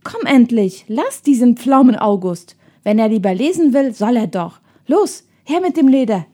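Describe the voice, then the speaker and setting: A woman's voice: mid-range voice, sing-song, measured pace, darkish tone, husky. A woman voicing a strong, bossy boy who mocks others, in a storybook reading. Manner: bossy, mocking.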